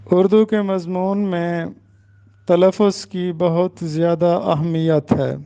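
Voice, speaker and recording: A man teaching students in a lecture, slowly and carefully spelling out the right pronunciation of names. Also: high-pitched, mellow, clear, resonant tone. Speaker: Urdu teacher. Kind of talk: exam-prep lecture.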